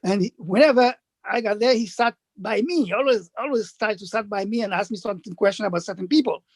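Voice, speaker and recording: A man's voice: high-pitched, no echo. Older man telling his story. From Dominican Republic, raised Haitian. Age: 80s. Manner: measured storytelling, acts out quoted speakers. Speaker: interview guest, publisher. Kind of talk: recounting his life in an interview.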